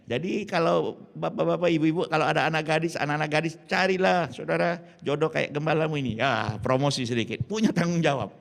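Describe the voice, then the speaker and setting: A pastor in his fifties from Indonesia tells a sermon as a vivid story and keeps turning to his listeners. He acts out each person's lines and drops English phrases into his talk. His voice sits a little higher than most men's. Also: brisk, creaky, few pauses. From Indonesia (Jambi, Sumatra).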